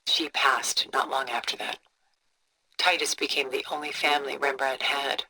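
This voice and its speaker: Tilda, refined woman, bright voice. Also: very deep voice, fairly even intonation, heavily acted, rough recording. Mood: reflective, admiring. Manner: refined, measured, contemplative, soft breathy phrase endings. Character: cultured, composed older woman, wealthy art collector. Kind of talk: video game character dialogue, museum-guide storytelling.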